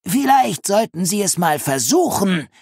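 An audiobook narrator voicing a nosy, pipe-smoking old woman who mocks her neighbor in a raised, croaky voice. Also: mid-range voice, sing-song, a little slow, no room sound, clean studio sound, voice pushed up, full character voice. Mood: mocking. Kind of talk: audiobook reading.

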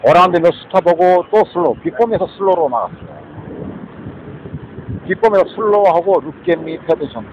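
A man rambles on in a loose, muttering monologue, drifting off and prodding with a questioning "eh?". His voice sits slightly high and leaps around animatedly. Faint street traffic hums in the background. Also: dull audio. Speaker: street vlogger.

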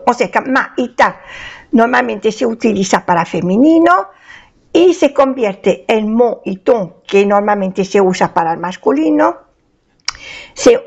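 Older lady teaching french super slowly, kinda high voice, dull lo-fi sound. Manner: patient, repeats each word pair slowly. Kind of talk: slow beginner language lesson.

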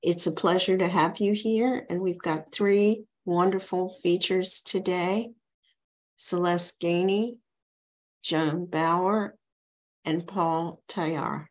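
A woman's voice: on the low side, steady tone, slow. A woman hosting a poetry reading over a video call, introducing a featured poet from prepared notes. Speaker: reading host.

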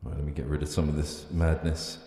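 A man's voice: a bass voice, little pitch movement, fairly quick, dark tone. A man hosting a casual music radio show, his voice echoing heavily as if from the bottom of a well. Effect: heavy echo on the mic, like the bottom of a well. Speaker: radio DJ host. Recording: long hall reverb on the voice.

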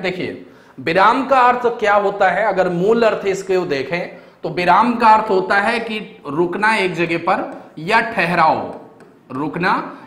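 A young man with a high, fairly bright voice gives an exam-prep grammar lecture, walking through each point step by step and frequently checking that his students are keeping up. The recording sounds echoey, as if made in a reverberant room.

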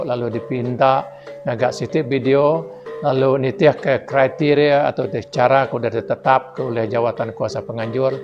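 A man's voice: medium pitch, gravelly, darkish tone. Guy giving a festival speech, kinda dull lo-fi sound, music playing under it. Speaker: guest of honour giving a festival address. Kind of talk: formal speech. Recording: dull lo-fi recording with music behind.

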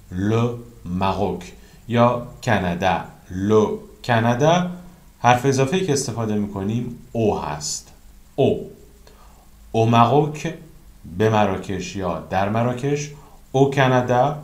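A man teaching a beginner French grammar lesson, explaining each rule and then saying French example phrases slowly and carefully. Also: lowish voice, roomy sound.

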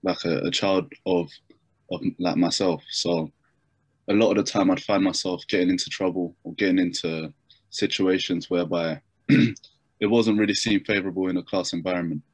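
As a guest on a casual video-call interview, a young Japanese man speaks from his bedroom, his story peppered with fillers and restarts. His low, steady voice moves at normal speed and has a breathy edge. A laptop webcam mic records him dry.

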